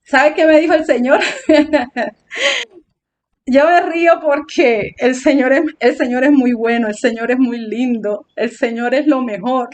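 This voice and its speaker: Woman preacher, high voice, emotional testimony sermon that acts out her own prayers. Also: fairly even intonation, moderate pace, few pauses, a little mellow.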